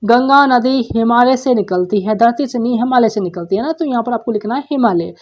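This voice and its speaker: A woman teacher goes through workbook answers for schoolchildren. Her voice sits a little high, and she keeps posing a question and then answering it herself in a patient, steady way. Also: fairly quick. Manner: patient, repeats questions back to pupils. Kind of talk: workbook solution lesson.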